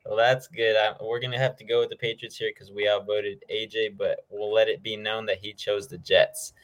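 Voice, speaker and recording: A man with a fairly low voice hosts a football picks show. He talks informally, in a casual, slangy way, as he moves through his predictions. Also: flat delivery, moderate pace, rough recording. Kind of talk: casual sports talk, game predictions.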